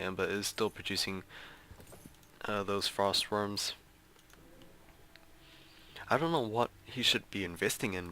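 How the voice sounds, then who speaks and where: Deep-voiced man casting a strategy match. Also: sharp tone, a little hiss or hum. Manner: hesitant, thinks aloud with fillers. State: losing his voice. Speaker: game caster. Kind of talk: esports play-by-play commentary.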